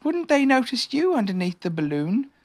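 A kind young boy from a storybook as a reader acts him out. The voice is lifted well above the reader's own, curious and lively in its rise and fall. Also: medium pitch, normal speed, no echo, studio quality, pitched above the performer's own voice. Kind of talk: children's storybook character voice.

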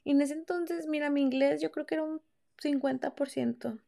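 Young mexican woman podcasting, high voice with lots of fry, swears a lot and talks super casual. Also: steady tone, a little fast, dark tone. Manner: candid, slangy and profane, acts out quoted lines. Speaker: podcast host. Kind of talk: casual storytelling chat.

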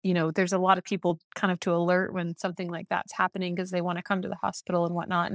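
A woman speaks low and fairly monotone, working through a personal story with pauses, restarts and fillers. Her voice sits close and dry on a podcast mic, with no room around it. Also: creaky, no room sound. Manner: reflective, halting, many fillers and restarts. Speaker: podcast guest.

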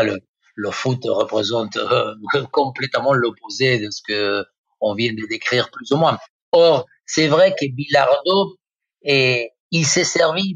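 Man with Argentine accent, Spanish native, fifties, football pundit, halting with fillers, muffled lo-fi sound. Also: medium pitch, a bit bright, husky, dry recording. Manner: hesitant, many fillers and restarts. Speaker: guest pundit, former footballer. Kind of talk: radio football talk.

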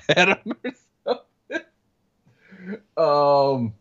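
A man co-hosts a casual sports podcast. His voice sits a little low and he rambles in a laid-back, sweary way. The recording is slightly dull and lo-fi. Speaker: podcast co-host. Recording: slightly dull, lo-fi microphone sound.

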